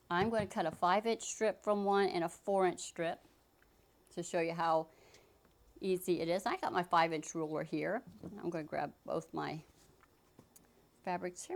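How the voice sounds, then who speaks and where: A woman's voice: fairly low pitch, vocal fry. Chatty woman demonstrating quilting cuts. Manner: chatty, talks while working, frequent restarts. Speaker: sewing instructor. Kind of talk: casual how-to demonstration.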